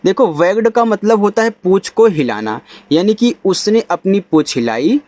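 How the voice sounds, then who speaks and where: In this Hindi reading lesson, an Indian-accented man spells each English word one letter at a time before sounding it out. His voice sits high and has a darkish tone, and he's animated yet unhurried.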